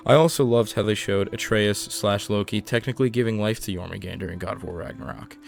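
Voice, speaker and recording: Male video-essay narrator, lower-pitched, scripted explainer read over a music bed. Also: a little fast, creaky.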